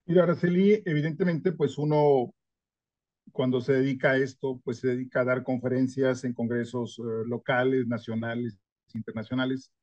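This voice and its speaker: Older historian, dry sound. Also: male voice, medium pitch, flat delivery, moderate pace, darkish tone, dry recording, dull audio. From northern Mexico. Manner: thoughtful, frequent tag questions, light self-deprecating humor. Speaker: historian guest. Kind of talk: reflective interview answer.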